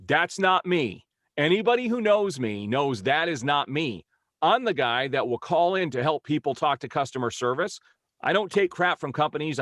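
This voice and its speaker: A man's voice: a little high, a bit bright, no room sound, clean studio sound. Exasperated man telling a complaint story. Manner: exasperated, retells phone calls with lots of quoted dialogue. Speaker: vlogger reviewing a company's customer service. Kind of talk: casual first-person storytelling rant.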